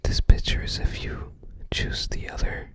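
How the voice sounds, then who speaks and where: An ASMR host browses a game guide book in a completely whispered, hushed, breath-only voice. Moving very slowly, the host muses aloud in a relaxed, informal manner.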